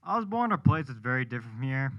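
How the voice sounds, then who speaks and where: A man's voice: medium pitch, sing-song, rapid-fire, highs cut off. A young man from New Hampshire doing a self-deprecating stand-up set at a live show. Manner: self-deprecating, punchline delivery. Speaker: stand-up comedian. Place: live comedy show with audience.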